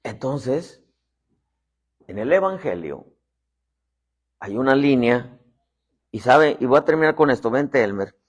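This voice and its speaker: A man's voice: medium pitch, animated, takes it slowly, long pauses. A middle-aged man preaching a sermon in a folksy way, joking and having the congregation repeat phrases. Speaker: apostle preaching.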